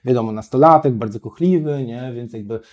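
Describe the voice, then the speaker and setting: Mellow-voiced man, hesitant and rambling. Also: medium pitch, fairly quick. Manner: hesitant, many fillers and tag questions. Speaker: guest writer. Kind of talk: casual chat.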